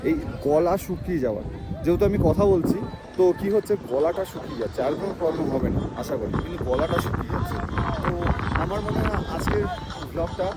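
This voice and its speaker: Bengali-accented man, travel vlogger, short of breath at altitude, paced and excited, outdoor wind noise. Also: fairly high pitch. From Bengal, India. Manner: talks slowly to save breath, excited exclamations. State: short of breath at high altitude, dry throat. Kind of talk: casual vlog walk-and-talk. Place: outdoors on a snowy mountain pass.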